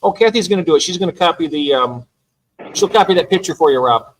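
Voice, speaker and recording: A man's voice: a little high, expressive, quick pace, a little hiss or hum, rough recording. Chatty man hosting a stream. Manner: enthusiastic, chatty, trails off. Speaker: livestream host. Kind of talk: casual live chat.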